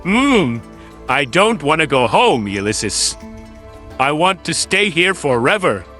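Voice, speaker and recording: Storybook sailor, acted by a man, highish bright voice, slow delivery with big swoops. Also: sing-song, exaggerated voice. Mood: dreamy. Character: timid, dreamy male sailor in children's storybook. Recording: music behind the voice.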